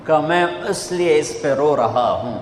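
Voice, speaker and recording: A man preaching a sermon, telling a story with emotion and rising to fervent emphasis. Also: fairly high pitch. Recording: echoey hall reverb, faint background noise.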